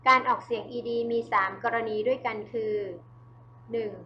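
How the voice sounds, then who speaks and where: A woman giving a slow, scripted English vocabulary lesson, spelling words letter by letter. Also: fairly high pitch, steady tone, lo-fi sound, slight background noise. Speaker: English teacher.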